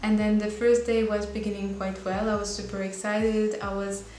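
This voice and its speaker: With a medium-pitched, slightly mellow voice, flat delivery and normal speed, a native French-speaking woman from Belgium in her twenties vlogs about her life. Her casual to-camera monologue is earnest and chatty with small restarts, and the echoey room carries a faint hiss.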